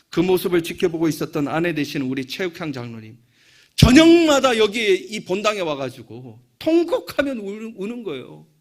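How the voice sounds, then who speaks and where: A male pastor telling a story in a sermon, dropping to hushed asides and rising into fervent prayer. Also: fairly high pitch.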